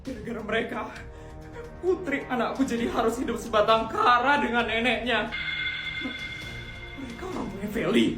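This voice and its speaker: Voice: mid-range voice, moderate pace, pauses often, lightly acted. A performer voicing a rich, bossy mother who gives orders in an agitated voice, in a comedy skit. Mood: worried. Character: rich, fussy mother of a schoolgirl. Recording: roomy with music behind.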